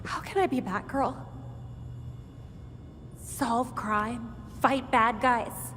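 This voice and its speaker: Batgirl, earnest and high-pitched. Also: steady tone, fairly bright tone, soft background music. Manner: earnest, brisk and focused. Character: young woman vigilante, determined and troubled. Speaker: game character. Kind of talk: video game cutscene acting. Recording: reverberant game mix with faint background noise.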